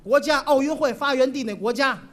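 A man performing stage crosstalk comedy as the boastful lead comic who plays dumb and drags out his deadpan lines. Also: very high voice, fairly quick.

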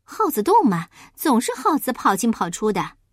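A placid mother cow, as a woman reading a storybook voices her, unhurried and plain-spoken. The voice stays fairly high and is heard dry and close. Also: huge pitch swings, no room sound. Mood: puzzled. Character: calm, matter-of-fact mother cow.

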